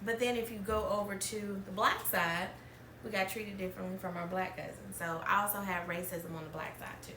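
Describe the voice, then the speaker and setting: A woman in her thirties from Alabama, US, hosts a podcast where she tells personal stories in a candid, chatty way, laughing often. Her voice is medium-pitched and steady, and she speaks fairly quickly. The recording is roomy, with a distant mic and background noise.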